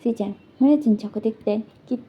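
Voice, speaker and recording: A woman's voice: on the high side, fairly quick, mellow, dull audio, a little hiss or hum. A woman casually retelling a fan story, rambling and repeating her filler words.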